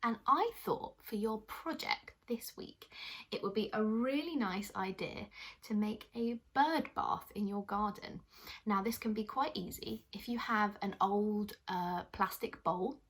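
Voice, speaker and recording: Speaking a little slowly, a woman with a medium-pitched, somewhat bright, slightly rough voice presents a children's puppet show. She tells stories and talks straight to young listeners in an encouraging way.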